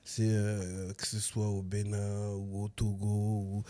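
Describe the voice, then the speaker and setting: A man's voice: lowish voice, monotone, takes it slowly, mellow, no room sound, soft background music. A man in his forties talking loosely as a podcast guest, laid-back and slangy. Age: 40s. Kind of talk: casual interview chat.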